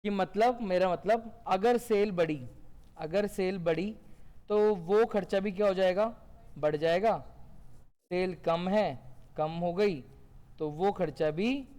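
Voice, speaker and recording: A man teaching a classroom lecture, asking questions and answering them himself, slowing down on key definitions. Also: high voice, a little mellow. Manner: drawn-out, slow phrasing on key definitions. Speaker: accountancy teacher.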